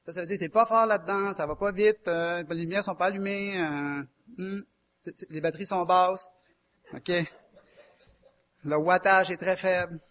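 With a high, slightly bright voice, this preacher from Quebec speaks in a Québécois French accent. His sermon is conversational and folksy, and he regularly quizzes the people listening.

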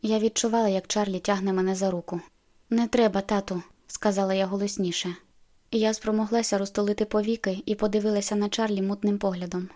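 A woman reading an audiobook in an even, subdued way. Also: mid-range voice, fast talker. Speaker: audiobook narrator. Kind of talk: scripted narration.

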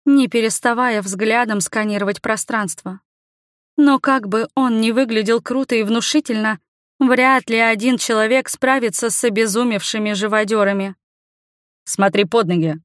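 A woman reading a first-person fantasy novel aloud as an audiobook narrator, in an even, measured way. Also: a little high, dry recording, studio quality.

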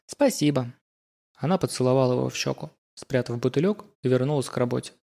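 Male narrator, steady measured scripted audiobook reading at mid pitch. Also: gravelly.

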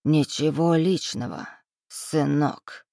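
A reader voicing a cruel, dying older man bound to a bed, hoarse and sneering, in an audiobook. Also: medium pitch, slow, dark tone, no echo, clean studio sound. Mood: gloating menace. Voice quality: hoarse, wheezing. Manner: sneering, hissing, gloating. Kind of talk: audiobook character voice.

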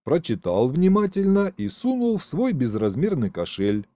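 A man's voice: a little high, normal speed. A man reading a humorous fantasy audiobook in scripted narration. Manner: lively, expressive reading.

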